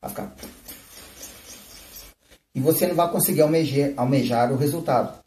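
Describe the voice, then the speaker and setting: A man's voice: fairly high pitch, fast talker, mellow, a little hiss or hum. A man giving a live flute lesson, explaining techniques and often checking in with "né?" and "tá?". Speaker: flute teacher. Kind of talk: live-streamed music lesson. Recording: roomy, from a distance.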